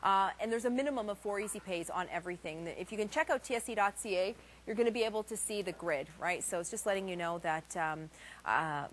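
A woman in her thirties giving a chatty, emphatic home shopping host sales pitch in a television studio. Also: slight background noise.

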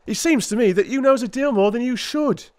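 A man's voice: extremely high pitch, a little fast, no echo, voice pushed up. A man as a touchy police constable. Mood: suspicious. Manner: colloquial, aggrieved, blunt. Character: plain-spoken, touchy male London police constable.

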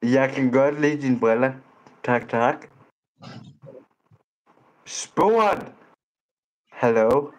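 A male vlogger in casual online chat, speaking at a middle pitch. He is blunt and teasing, and he stumbles and restarts his sentences as he goes. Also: steady tone, rough recording. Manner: blunt, teasing, trips over words and restarts. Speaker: vlogger chatting with strangers online.

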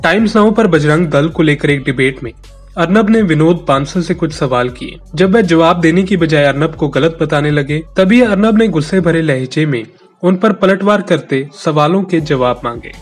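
A man reads a scripted news voice-over, steady and explanatory in tone. His voice sits a little above the usual male range. Faint music plays beneath the narration. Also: on the high side, normal speed.

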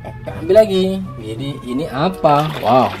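Animated, playful woman hosting for kids. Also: deep voice, normal speed, over music. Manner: exclamatory, playful, like a kids' party magician presenting surprises. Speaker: children's toy video host. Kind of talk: scripted-sounding kids' toy reveal narration with magic-word exclamations.

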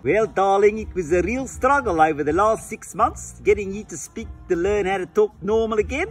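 A man's voice: high voice, lively intonation, moderate pace. A man playing an overwrought doll husband lost on safari in a comic skit, talking theatrically over faint music. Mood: frantic.

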